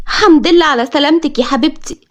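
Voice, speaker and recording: A woman voicing a loving Egyptian mother who speaks softly and consolingly, on a dull lo-fi recording. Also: high voice, fast, lightly acted. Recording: dull lo-fi audio.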